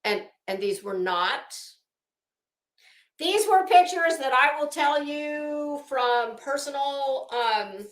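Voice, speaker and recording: Her high voice moves slowly with lively intonation as she hosts online, offering rambling, gossipy opinions and elongating the words she leans on. The room sound is roomy and echoing.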